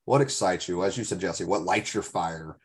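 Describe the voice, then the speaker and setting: Man, podcast co-host, low voice, earnest, reflective, emphatic, storytelling. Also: normal speed. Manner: tells stories, asks rhetorical questions. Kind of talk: casual podcast discussion.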